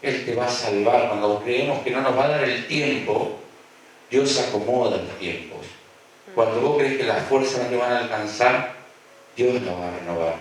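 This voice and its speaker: A man's voice: mid-range voice, normal speed, slight background noise. A man with an Argentine accent preaching a sermon, acting out voices and repeating phrases for emphasis. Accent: Argentine Spanish. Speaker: pastor. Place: church hall. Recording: echoey church hall, mic far off.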